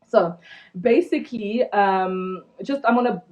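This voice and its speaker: A woman's voice: mid-range voice, slow pace, a little mellow. Chatty woman on a lo-fi livestream. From South Africa. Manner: chatty, many ums and restarts. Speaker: blog founder hosting an Instagram live launch. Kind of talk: casual live-stream talk.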